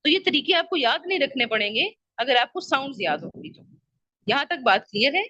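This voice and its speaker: A woman's voice: sits high, lively intonation, pushed and bright, muffled recording. A woman teaching an Arabic grammar lesson. She patiently repeats her questions and checks that her students understand.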